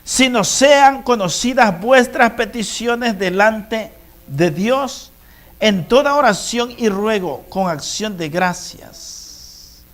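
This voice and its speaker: A man preaches a sermon. He talks slowly and with emphasis, repeating key phrases and stopping to check that his listeners follow him. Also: high voice, lively intonation, fairly bright tone.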